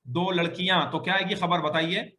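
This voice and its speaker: A man teaching an Arabic grammar class, patiently repeating sentences slowly and correcting his students. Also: high voice, fairly even intonation, pushed and bright, reverberant.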